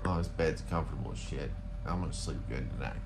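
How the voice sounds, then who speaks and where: Deep voiced guy rambling into his phone, blunt room review, swears a bit, noisy audio. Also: fast talker. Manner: blunt, rambling, mildly profane. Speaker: travel vlogger. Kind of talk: casual vlog chat, reviewing a motel room. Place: hotel rooms and hallways, indoors. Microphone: phone at arm's length. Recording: noisy handheld phone recording.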